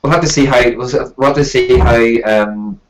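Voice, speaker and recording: A man's voice: mid-range voice, moderate pace, poor audio. A man hosting a live stream and reviewing products in casual, chatty talk.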